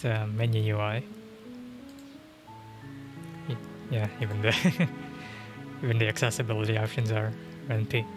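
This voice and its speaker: A young streamer with a lowish voice and little pitch movement speaks a little slowly and pauses often. He chats casually while gaming live, rambling with fillers and frequent chuckles, on a dynamic mic at home with game music behind him.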